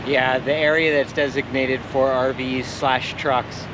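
A man in his thirties talks in an easygoing way, mostly chiming in with short agreements between longer recaps. He speaks to a handheld camera with loud road and engine noise around him. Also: medium pitch, fairly even intonation, a little slow. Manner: laid-back, short agreeing replies. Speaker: vlogger. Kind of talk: casual travel vlog chat. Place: inside a motorhome and outdoors in a truck-filled parking lot at night. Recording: noisy road and parking lot background.

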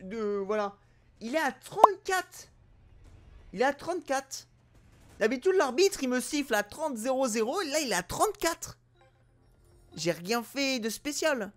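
A man giving excited, jokey gameplay commentary, bursting into loud exclamations. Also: very high-pitched, moderate pace, faint music behind. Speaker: gaming YouTuber.

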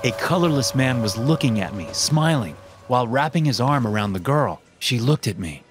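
A young man narrating a horror story in a tense, hushed voice, swearing casually. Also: mid-range voice, animated, normal speed. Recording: narration over loud music.

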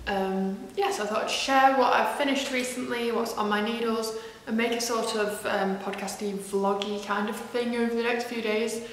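Speaking at a moderate pace with few pauses, this knitwear designer from northwest England has a steady, slightly high voice. She chats casually to camera, self-deprecating and full of ums and asides. The recording, made in a big room in a house, is very echoey, with a little hiss or hum.

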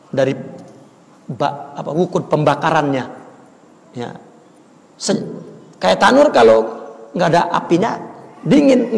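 Male religious teacher, animated sermon delivery, gravelly texture, recorded with long mosque-hall reverb. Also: high-pitched. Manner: lively, mixes Arabic text with casual explanation. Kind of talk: kitab study sermon. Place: large mosque.

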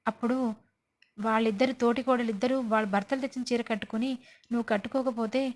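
A woman's voice: fairly high pitch, fairly quick. A woman casually recapping a TV serial episode, acting out the characters' lines as she goes. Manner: lively, acts out characters' lines.

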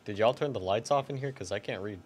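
A man's voice: on the low side, fast talker, slight background noise. A young man in loose, playful, sweary chat with friends during a video game. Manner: profane, playful. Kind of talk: casual gaming chat with friends. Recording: faint music behind the voice.

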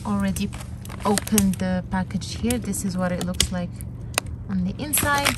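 With a mid-range, expressive voice at a moderate pace, a young woman vlogger chats through each step of making a camp meal outdoors by a fire. The camera is a short distance from her, and the recording is very noisy.

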